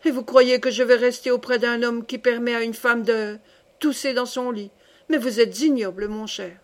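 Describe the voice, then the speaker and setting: Casting: woman reading a fiery young society lady for an audiobook, outraged and theatrical, fairly high voice. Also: steady tone, normal speed, lightly acted. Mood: scornful.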